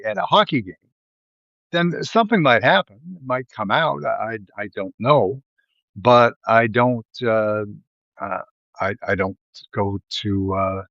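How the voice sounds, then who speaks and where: Speaking through a live stream mic, this Ohio man with a Midwestern accent runs a live video in a meandering, tangent-heavy style full of fillers and false starts. His pitch is medium and his tone a bit bright. There's no echo, but the top end is cut off.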